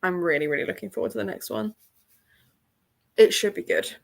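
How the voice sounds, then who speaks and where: Her voice is medium-pitched, a little fast, and creaky: an English-accented woman hosting a casual book livestream from a room at her parents' place. Sore throat and all, she rambles chattily and laughs often.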